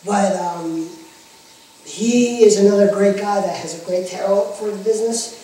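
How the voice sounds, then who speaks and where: A man's voice: high-pitched, moderate pace, warm tone. Echoey, talkative male interviewee, off mic. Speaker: pro wrestling manager being interviewed. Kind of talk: casual interview chat. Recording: echoey room, far from the mic.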